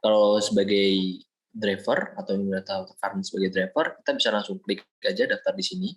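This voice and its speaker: A man's voice: on the low side, fairly quick, rough recording. Young man walking through an app demo. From Indonesia. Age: young adult. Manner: explains step by step, with frequent hesitation fillers. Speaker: student presenting a project demo. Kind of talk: screen-recorded software walkthrough.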